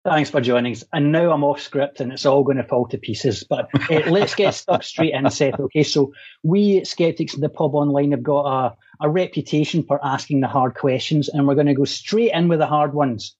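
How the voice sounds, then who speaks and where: A man hosts an online talk over a video call, introducing his guest with wry jokes. His voice is a bit high, slightly mellow and husky, at a moderate pace, and the recording has a dull lo-fi sound.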